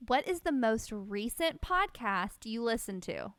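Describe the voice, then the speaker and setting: A woman's voice: on the high side, very animated, unhurried, fairly bright tone, no echo. A woman co-hosting a podcast, asking questions in casual chat and affirming the guest enthusiastically. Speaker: podcast co-host.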